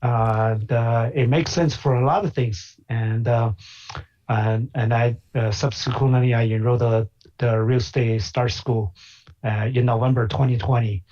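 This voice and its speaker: His mid-range voice is steady and darkish in tone; he's a Chinese physician and investor taking part in an interview conversation. Hesitation and frequent filler pauses mark his speech, and the call audio is a bit dull.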